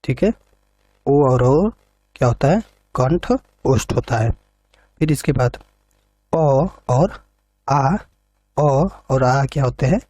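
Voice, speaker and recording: A man's voice: mid-range voice, unhurried, pauses often, warm tone, slightly rough, dry recording. A man teaching an exam preparation lesson, reading each question and its options, then explaining the answer step by step and repeating points back.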